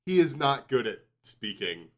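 A man's voice: medium pitch, sing-song, unhurried. A man chatting casually as a podcast panellist, chipping in with wry comic remarks. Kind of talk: casual comedic chat.

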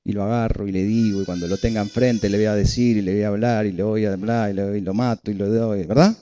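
Male pastor, emphatic repetitive preaching, very dark tone, slightly muffled recording. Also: on the low side, fairly even intonation, fast, slight background noise. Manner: emphatic preaching, repeats phrases, asks the congregation questions. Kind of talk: sermon.

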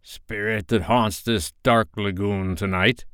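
A man voicing a proud, villainous pirate captain in a storybook, with grandiose, theatrical, drawn-out delivery. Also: mid-range voice, big pitch swings, smooth, dry recording, studio quality. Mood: shaken. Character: proud male pirate captain, blustering villain turning shaken.

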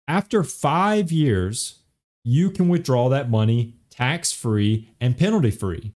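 A man's voice: medium pitch, mellow. A young man hosting a finance podcast, explaining retirement accounts step by step and checking in with the listener as he goes. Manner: repeats key points, checks in with "okay?" and "right?".

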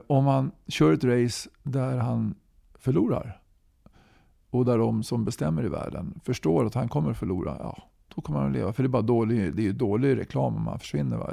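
In a clean studio with a dry sound, a man in his sixties speaks in a creaky, warm, medium-pitched voice. He's a musician and movement leader chatting as a guest in a casual interview, habitually tagging sentences with a questioning "va?".

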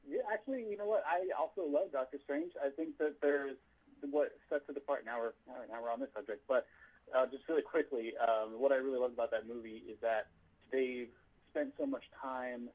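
A man's voice: mid-range voice, moderate pace, breathy edge. A man co-hosting a casual movie chat over a phone line, rambling with lots of fillers and restarts. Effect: heard over a phone line. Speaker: podcast co-host.

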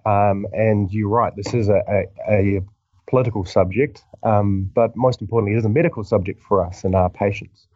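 A middle-aged man with a broad New Zealand accent, explaining haltingly and in a measured way as a doctor being interviewed. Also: on the low side, steady tone, a little mellow, no echo, muffled recording. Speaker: medical doctor, podcast guest. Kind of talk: informal explanatory interview answer.

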